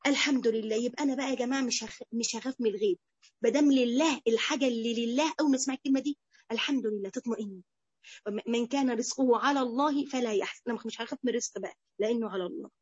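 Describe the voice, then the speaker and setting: Fast high-voiced Egyptian woman teacher. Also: husky, no room sound. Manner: animated and conversational, addresses the audience directly. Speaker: religious teacher. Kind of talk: lively colloquial lecture to a women's group. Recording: dull lo-fi dry recording.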